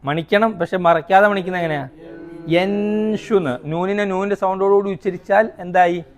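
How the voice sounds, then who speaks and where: A man teaching a recitation class. He asks his students questions, answers them himself, and sounds out each rule slowly, repeating it. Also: high-pitched, fairly even intonation. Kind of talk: classroom tajweed lesson.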